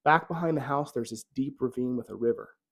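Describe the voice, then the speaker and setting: A patient old wise man, voiced by a man telling a story speaks in calm, plain instructions. His voice sits at an ordinary middle pitch. He explains each step without hurry. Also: a little fast, close to an everyday voice. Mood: calm instructing.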